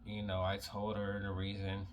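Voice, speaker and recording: A young man speaks in a low, fairly monotone voice as he tells a personal story to camera. His speech is halting and packed with "like" fillers, and he sounds on the edge of tears. A faint room hum sits underneath. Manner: halting, heavy use of "like" fillers, emotional. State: holding back tears. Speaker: vlogger telling a personal story.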